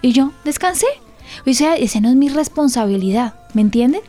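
A woman's voice: high voice, expressive, brisk, mellow, faint music behind. A woman pastor hosting a church program, teaching earnestly and often turning to her listeners with questions. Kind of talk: church radio teaching talk.

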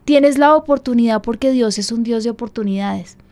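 High-voiced woman pastor. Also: darkish tone. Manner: heartfelt, confessional, slows down for emphasis. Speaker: pastor and radio show host.

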